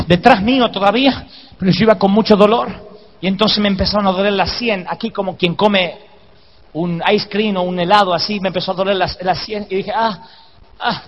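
A man preaching a sermon, telling a comic story and acting out the shouts and groans in it. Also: high voice, steady tone, fairly quick, big-room sound. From Argentina. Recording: dull lo-fi live sermon recording.

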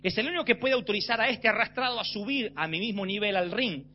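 Male preacher, high register, forceful sermon delivery, muffled lo-fi sound with a light hum. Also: fast talker. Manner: emphatic, rising to shouts. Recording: slightly dull with faint hum.

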